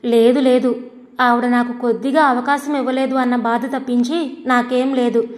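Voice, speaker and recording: A stubborn, hot-tempered young husband in a spoken audio story, read out by a woman narrator. His voice sits a little high and he talks forcefully, at times shouting. A long reverb trails behind him. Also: level tone, normal speed, lightly acted. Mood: sorrowful.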